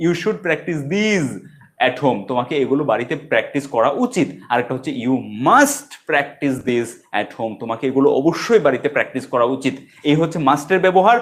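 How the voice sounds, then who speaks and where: Guy teaching spoken english, kinda high voice, slows way down on the english examples. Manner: explains in Bengali, says English examples slowly and deliberately. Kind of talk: bilingual language lesson.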